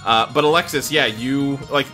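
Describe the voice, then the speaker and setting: A man's voice: medium pitch, normal speed, bright, forceful tone, faint music behind. A man improvising narration as game master in a hesitant, conversational way.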